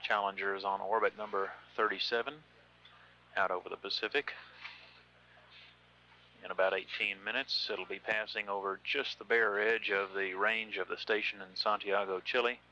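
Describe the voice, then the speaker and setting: A man giving measured, matter-of-fact live commentary on a spaceflight as mission control's announcer. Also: on the low side, level tone, sharp tone. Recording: slightly noisy, dull broadcast line.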